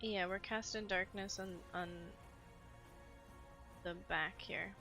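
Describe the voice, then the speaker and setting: A woman's voice: mid-range voice, steady tone, slow, pushed and bright, soft background music. A woman playing a tabletop game, casually asking questions in an unsure, searching way. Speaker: player.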